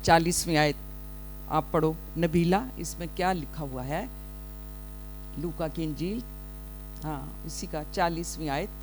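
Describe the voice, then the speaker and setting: A woman preaching a sermon as a television preacher, speaking deliberately and rising into loud, emphatic declarations. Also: sits low, slight background noise. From Pakistan.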